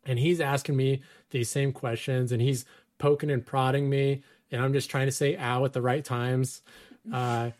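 A man's voice: mid-range voice, little pitch movement, normal speed, a little mellow. Thirties guy telling a funny story, self-mocking, laughs a lot, ordinary voice. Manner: wry, self-deprecating, laughs often. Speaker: storyteller guest. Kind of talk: casual storytelling.

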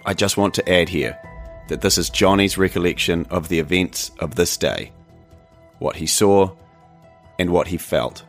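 Low-voiced man narrating an investigative podcast. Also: normal speed, faint music behind. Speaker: podcast host and interviewer. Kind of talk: scripted narration and interview questions.

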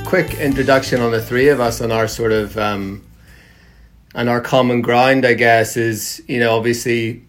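A man in his thirties from Northern Ireland leads a laid-back podcast conversation. He talks in a level, fairly flat voice at a middle pitch, leaning on lots of fillers and hedges. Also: moderate pace, faint music behind. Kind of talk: casual chat.

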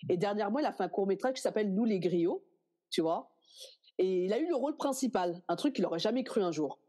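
A young woman, an actress being interviewed, chatting casually and telling lively stories in which she acts out what other people said. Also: mid-range voice, fast. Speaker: actress guest.

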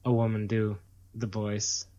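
A man co-hosting a podcast, chatting in a relaxed, easygoing way. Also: on the low side, a little slow. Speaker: podcast co-host. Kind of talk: casual chat. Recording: dull lo-fi mic.

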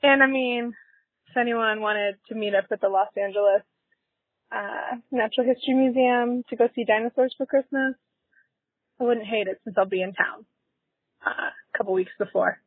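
A woman's voice: on the high side, normal speed, breathy edge, no room sound. A woman leaving a chatty, upbeat voice message as a podcast listener calling in. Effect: played-back voice message. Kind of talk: casual voicemail. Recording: tinny dry phone-line recording.

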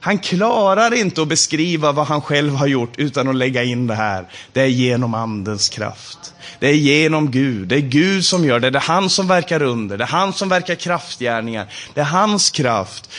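A man's voice: on the high side, expressive, a bit bright. A man teaching from the Bible in a sermon, emphatic and building on repeated phrases.

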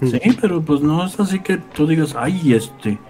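A man's voice: fairly high pitch, fairly even intonation, fairly quick, dark tone, faint music behind. A man with a Mexican accent chatting casually in a grumbling, slangy way. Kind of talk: casual chat.

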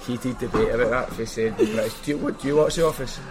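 A man's voice: medium pitch, fast. A man with a strong Glaswegian Scottish accent hosting a podcast, telling stories in a casual, colloquial way with opinions of his own. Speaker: podcast host. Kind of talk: casual anecdotal chat.

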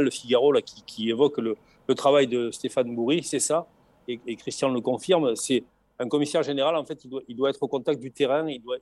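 A man's voice: mid-range voice, a little mellow, no echo. Middle-aged man, southern French accent, expansive interview guest, dry close sound. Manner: expansive, lots of restarts and repeated words. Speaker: guest, former race logistics organizer. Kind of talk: casual interview chat.

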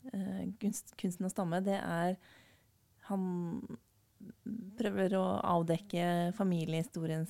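A woman's voice: lowish voice, creaky, dark tone. A woman chatting casually about a book as podcast co-host, hesitant with fillers.

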